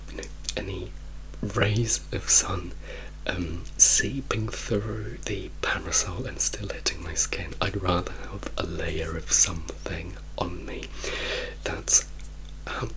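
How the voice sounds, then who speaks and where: A man from Italy gives a soft-spoken ASMR ramble in a hushed, mostly whispered voice, unhurried and repeating words for emphasis. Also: fairly low pitch, a little hiss or hum, rough recording. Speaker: ASMR creator telling personal stories.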